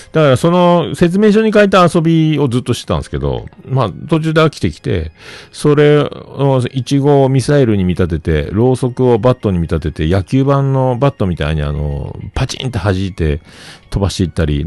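Deep-voiced man in his fifties, animated, filler-heavy solo stream storyteller. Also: dry recording. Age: 50s. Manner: animated, rambling anecdotes with many fillers. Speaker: livestream host.

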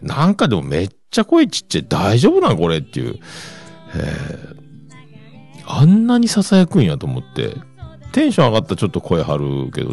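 A man in his fifties with a Kansai accent rambles through a casual solo podcast chat. His voice sits low and gravelly, and his pitch swings lively through loose asides while faint guitar music plays underneath. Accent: Kansai Japanese. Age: 50s. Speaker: podcast host.

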